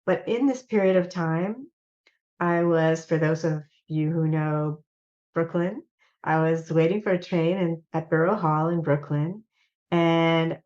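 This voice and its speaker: Speaking at a measured pace in a low voice, an older lady who runs a clothing business joins a video call from her home office as a guest. Lively and casual, she spins stories and performs the quoted lines herself, all through a webcam that makes the sound muffled and lo-fi.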